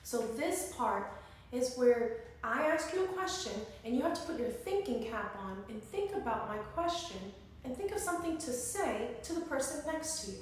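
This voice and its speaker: This early-grade teacher speaks in a high-pitched voice with big pitch swings, encouraging and instructing her class and pausing to prompt answers during circle time. A distant microphone in a strongly echoing indoor room captures her, along with a little hiss or hum.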